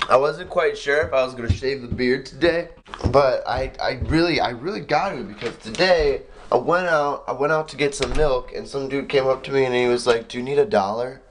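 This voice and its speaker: A man's voice: medium pitch, moderate pace, a bit bright, a little hiss or hum. A man chatting casually in a daily vlog, rambling and filling his talk with "like". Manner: rambling, heavy on "like" fillers. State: just woken up. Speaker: vlogger.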